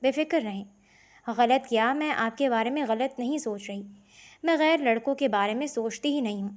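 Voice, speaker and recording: Stern, scornful devout young woman in a novel reading, read by a woman; sharp and cold. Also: a little high, natural voice.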